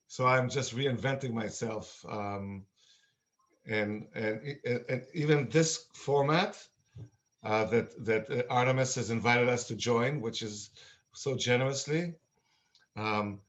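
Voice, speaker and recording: An older man from Israel, now a musician, talking earnestly and haltingly with many fillers on a video call. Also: medium pitch, a bit bright. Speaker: musician and meditation guest. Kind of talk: casual video-call chat. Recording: dull lo-fi video-call audio.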